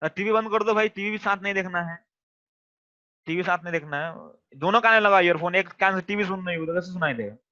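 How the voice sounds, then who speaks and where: A man's voice: high voice, fairly quick, pushed and bright. A man teaching a class online, mixing terms into his lecture and coaxing students to answer. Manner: coaxing, repeats questions to students. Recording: dull lo-fi sound.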